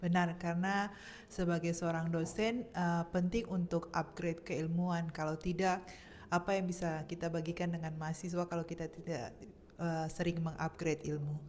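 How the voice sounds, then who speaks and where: A woman's voice: on the low side, flat delivery, normal speed, a little mellow, slight background noise. A woman from Maluku in her thirties, a PhD student answering interview questions politely, with many hesitant fillers. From Maluku, Indonesia. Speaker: guest, PhD student and lecturer.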